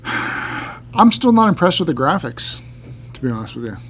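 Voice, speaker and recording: A man co-hosting a podcast, chatting casually in a halting, deadpan joking way over a laptop fan. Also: on the high side. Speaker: podcast co-host. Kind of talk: casual banter between friends. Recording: laptop fan hum behind voice. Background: loud computer fan.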